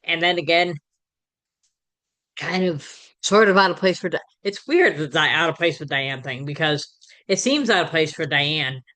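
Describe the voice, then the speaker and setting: A woman hosting a podcast, casually recapping a sitcom episode in a conversational way, with fillers and quick self-corrections. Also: low-pitched, a bit bright. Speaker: podcast host.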